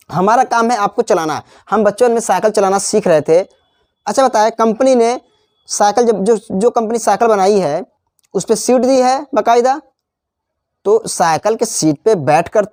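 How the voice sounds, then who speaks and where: A man teaching a spelling lesson. He spells out letters slowly, repeats each example word, and slips into chatty asides. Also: high-pitched, lively intonation, darkish tone, no echo. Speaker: English teacher. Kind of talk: classroom-style spelling lesson.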